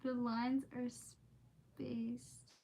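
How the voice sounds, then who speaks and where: This streamer's voice is on the high side and warm, level in tone and extremely slow. She reads storybooks aloud and chats with her viewers casually, gushing and rambling, while clear background noise runs underneath.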